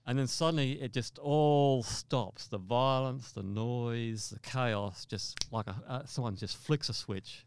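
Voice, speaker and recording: A man from Australia, a mountaineer guest in an interview, telling a vivid story in a halting way with repeated words. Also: medium pitch, clear, resonant tone.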